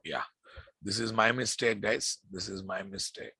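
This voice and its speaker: Indian guy teaching coding class, slow pace, sharp bright voice, repeats stuff and talks to students like buddies. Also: on the low side, steady tone, slightly rough, no room sound. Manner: repeats phrases, addresses listeners familiarly. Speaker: programming instructor. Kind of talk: informal live classroom lecture.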